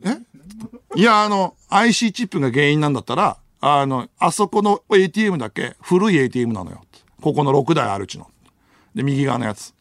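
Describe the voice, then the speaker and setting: A man hosts a late-night radio show from a dry, close-miked studio. His voice sits high and swings widely as he acts out a story, throwing in sound effects and laughter. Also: sing-song, quick pace, a bit bright, no room sound. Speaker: radio host. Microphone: studio microphone.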